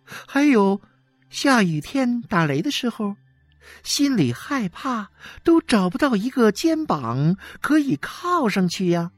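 A woman's voice: a little high, very animated, slow, dry recording, faint music behind, full character voice. A woman voicing a smug, gloating wife. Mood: boastful. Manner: chatty and gloating, with many sighing "ai" fillers. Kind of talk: dramatic reading.

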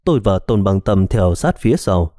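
A man narrating a horror detective story in a scripted, expressive storytelling manner on a close mic. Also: low-pitched, normal speed, no room sound. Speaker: audiobook narrator.

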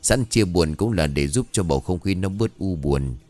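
Vai bà lão trong làng hay buôn chuyện, nói thì thầm ngập ngừng do một người đàn ông đọc. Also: male voice, low voice, lively intonation, normal speed. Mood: gossiping. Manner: hushed, gossipy, hesitant. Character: gossiping older village woman.

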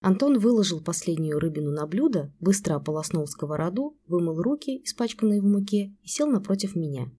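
A woman giving scripted first-person audiobook narration in an even, measured way. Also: on the low side, husky.

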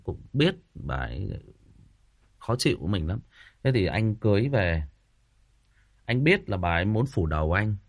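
A man's voice: sits low, dry recording. A man telling a first-person story in a chatty, repetitive way, speaking straight to his listeners.

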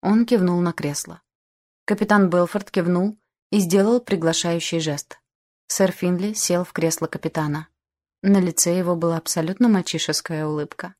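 A woman reads an audiobook in the first person, with calm and even storytelling. Her voice sits a little low. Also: moderate pace. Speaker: audiobook narrator.

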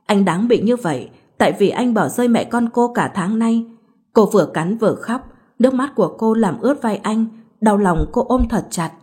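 A woman narrating a romance story in a calm, even storybook reading. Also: medium pitch, normal speed, husky. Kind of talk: scripted narration.

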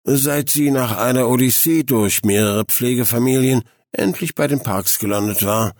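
A man narrating an audiobook in a calm, even reading. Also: on the low side, dry recording, studio quality.

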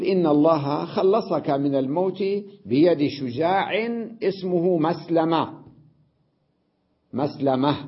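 A man teaching Arabic grammar in a classroom lecture, explaining patiently, repeating key words and reciting verse slowly. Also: a little high. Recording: dull lo-fi lecture recording.

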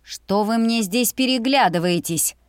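Woman doing a high, loud, bossy storybook mother, dry and close. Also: unhurried, clean tone, no echo, natural voice. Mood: scolding. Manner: commanding, scolding, raised voice. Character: stern loud mother pushing her children to marry.

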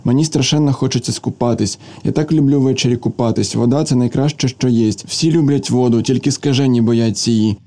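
A man voicing a feverish, distraught young woman who was abandoned, speaking softly and half-whispered. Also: medium pitch, brisk, few pauses, lightly acted. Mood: feverish, dreamy. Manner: soft, breathless, half-whispered.

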